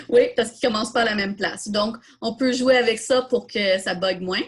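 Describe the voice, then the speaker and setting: With a breathy edge to her high-leaning voice, this workshop host speaks at normal speed in a Quebec French accent. She runs a live online coding session, thinking aloud casually and answering questions as she demonstrates.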